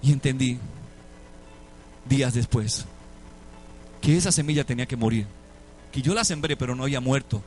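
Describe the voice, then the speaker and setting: A man's voice: mid-range voice, moderate pace, long pauses, darkish tone, soft background music. A Puerto Rican man preaching a sermon, telling a story and acting out the dialogue with dramatic shifts between voices. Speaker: pastor. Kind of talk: sermon testimony.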